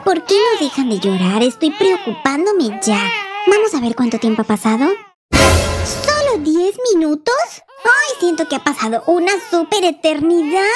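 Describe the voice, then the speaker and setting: A young woman narrating a mobile game playfully, talking in animated sing-song to babies. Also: high-pitched. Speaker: game video creator. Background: faint children's music.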